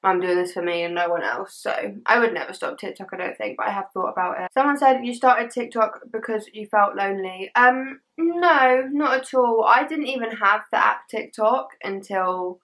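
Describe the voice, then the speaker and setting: A woman's voice: medium pitch, normal speed, few pauses, a bit bright. A young adult woman with an English accent, chatting casually as a social media creator. She talks in loose British teen slang and peppers her sentences with "like". The style is informal, like reading out questions and answering them straight to camera. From England.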